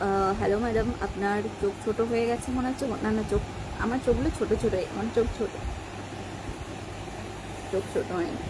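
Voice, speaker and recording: A woman with a somewhat high voice hosts a live stream in casual, chatty talk, greeting viewers one by one and reading out their comments. Her phone mic picks up a steady wash of background noise and air-conditioner hum in the room. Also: rapid-fire. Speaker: livestream host.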